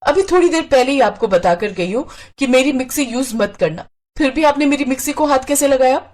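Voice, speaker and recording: A woman voicing a hot-tempered young sister-in-law in a cartoon story, snapping in a shrill, raised voice. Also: animated, fairly quick, darkish tone. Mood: angry.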